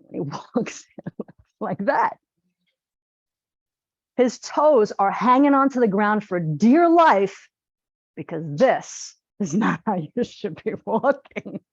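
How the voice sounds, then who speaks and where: A woman teaching a live group exercise class in a lively, chatty, joking and direct way. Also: mid-range voice, slow, long pauses, slightly rough, no echo, highs cut off. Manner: direct, plain-spoken coaching. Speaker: posture exercise instructor.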